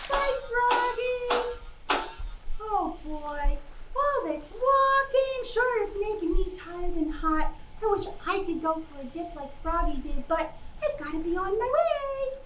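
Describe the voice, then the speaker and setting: A woman's voice: very high-pitched, very animated, measured pace, fairly bright tone, heavily acted. A woman voicing a cheerful, friendly little girl in a children's puppet show. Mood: friendly, chirpy. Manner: chirpy, friendly, childlike exclamations. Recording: roomy, distant mic with background noise.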